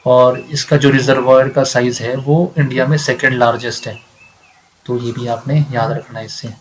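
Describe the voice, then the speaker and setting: This explanatory lecture comes from a man whose mid-range voice stays level at a moderate pace, with a little hiss or hum on the rough recording. Teaching exam facts, he poses and answers his own questions, repeats the key facts and works in English readings.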